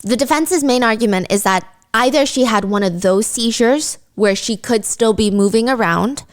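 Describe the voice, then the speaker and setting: A woman's voice: on the high side, normal speed. Chatty woman telling a true-crime story. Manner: lively, acts out quotes in character. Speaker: podcast host.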